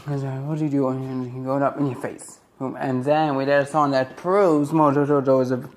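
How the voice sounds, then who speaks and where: A man ranting casually in a cartoon review, rambling with many restarts and quick asides. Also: mid-range voice, flat delivery.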